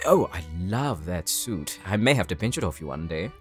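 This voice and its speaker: A man's voice: low-pitched, sing-song, moderate pace, soft background music. A man playing a flamboyant, gracious vampire count in an audio drama, with effusive aristocratic delivery. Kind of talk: cinematic audio roleplay acting.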